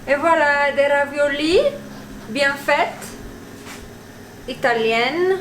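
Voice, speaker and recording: Speaking very slowly in a high voice, a woman records a cooking vlog in her home kitchen, poking fun at herself playfully. The echoey room has background music and a noisy background.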